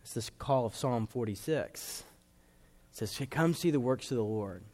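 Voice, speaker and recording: A man preaching a sermon in a church, earnest, slowing down and dropping to soft low tones for emphasis. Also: expressive, in a large hall. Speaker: pastor.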